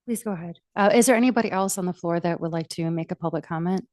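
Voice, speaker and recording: Mellow, lowish-voiced woman chairing a meeting. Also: fast talker, dry recording, clean studio sound. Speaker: township supervisor chairing a board meeting. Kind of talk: formal meeting remarks.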